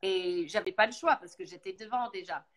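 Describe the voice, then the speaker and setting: A woman from Boston with an American English accent, talking casually as a guest and telling stories in lively fashion, slipping into English now and then. English is her first language. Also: medium pitch, normal speed, rough recording. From Boston, United States. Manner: animated storyteller, mixing in English words. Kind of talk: casual live talk.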